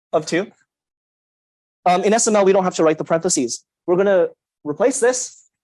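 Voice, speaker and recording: A young man lecturing a university class, lively and emphatic, putting questions to the students. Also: sits high, no room sound, poor audio. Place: lecture hall.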